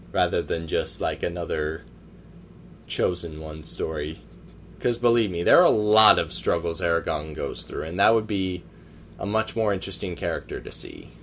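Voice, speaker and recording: Chatting casually about movies, this man co-hosts a podcast and wanders from opinion to opinion with hesitant filler words. He speaks low. A faint hiss or hum runs through the recording.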